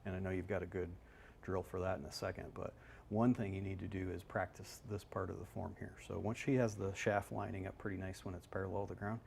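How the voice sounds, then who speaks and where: Low gravelly male golf coach. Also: little pitch movement, quick pace, darkish tone, slight background noise. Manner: explanatory, loose and conversational, with fillers. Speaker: golf instructor. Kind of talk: live swing analysis show.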